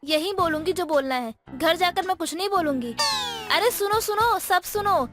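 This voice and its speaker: A woman voicing a quarrelsome young daughter-in-law in an animated story, combative and taunting. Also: very high-pitched, moderate pace, music in the background. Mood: angry. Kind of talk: animated cartoon voice acting.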